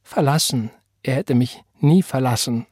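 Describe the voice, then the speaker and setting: A guarded, fragile young mother, as a male narrator voices her, hesitant and pleading. The husky voice sits dry and near the mic. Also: lowish voice, moderate pace, darkish tone, no room sound. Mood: tearful. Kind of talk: audiobook character voice.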